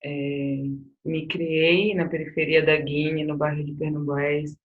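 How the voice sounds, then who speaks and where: A woman's voice: deep voice, flat delivery, slow, slight background noise. A woman from Salvador, a poet telling her life story in an interview in a reflective, earnest way with frequent fillers. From Salvador, Bahia, Brazil. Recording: slightly dull, lo-fi sound.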